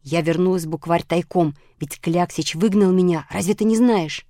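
A woman voicing a calm, sensible female letter of the alphabet in a children's audiobook, hushed and matter-of-fact. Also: on the low side, normal speed, dry recording, studio quality, close to an everyday voice.

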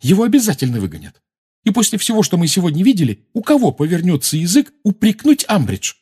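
A man voicing an agitated teenage schoolgirl in an audiobook, speaking in a high, shrill, pleading way. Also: wildly swooping pitch, fast, dark tone, slightly rough, exaggerated voice. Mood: angry.

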